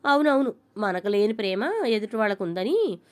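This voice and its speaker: A woman voicing a sharp young wife who questions her husband with sarcasm. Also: mid-range voice, animated, moderate pace, close to an everyday voice. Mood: sarcastic. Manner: probing, sarcastic.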